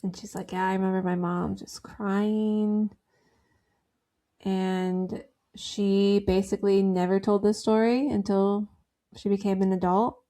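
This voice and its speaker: A woman's voice: mid-range voice, flat delivery, a little slow, dark tone. A woman co-hosting a podcast, chatting casually and telling stories in a rambling, giggly way. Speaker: podcast co-host. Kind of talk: casual chat.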